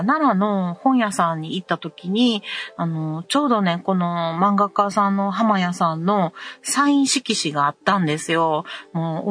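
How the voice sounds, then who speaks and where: A woman in her forties with a soft Nara Kansai accent hosts a casual chat show. She talks at an easy pace, with plenty of fillers and pauses as she reads out messages from listeners. Faint music sits behind her voice. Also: medium pitch. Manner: relaxed, many fillers and pauses. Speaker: podcast host.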